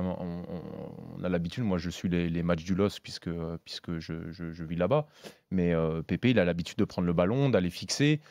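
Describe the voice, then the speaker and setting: Male football pundit, deep voice, dry close sound, halting conversational analysis with repeated words. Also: a little mellow, no echo. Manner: halting, repeats words while building arguments. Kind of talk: live match analysis in a panel discussion.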